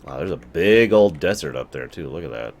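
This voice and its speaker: Chatting with his stream viewers, a man with an animated, brisk bass voice gives casual live commentary on a strategy game. He talks to chat a lot and swings into sudden mock outbursts.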